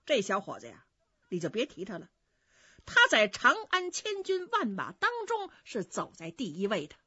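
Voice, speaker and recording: A woman voicing a clever, sharp-tongued innkeeper's wife who scolds, in a dry, slightly dull recording. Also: mid-range voice, wildly swooping pitch, breathy edge, dry recording, voice pushed down, full character voice. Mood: scolding. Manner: scolding, quick-witted.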